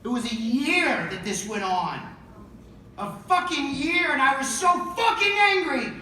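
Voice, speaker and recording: A man telling a raw, profane personal story on a concert stage, moving from hushed to shouting. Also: very high voice, lively intonation, measured pace, slight background noise. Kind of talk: spoken storytelling between songs. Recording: echoey live venue from far off, loud crowd.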